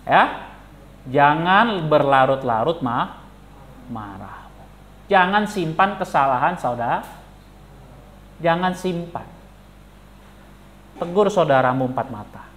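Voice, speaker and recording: Animated preacher man, lively pitch. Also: takes it slowly, long pauses. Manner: animated, jokey, asks the congregation questions. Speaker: pastor. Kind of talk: lively sermon. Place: church.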